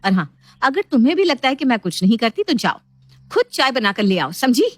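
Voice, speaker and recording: A woman voicing a fed-up young wife in an animated family story, sharp and exasperated. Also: on the high side, a little fast, dry recording, voice pushed up. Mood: angry.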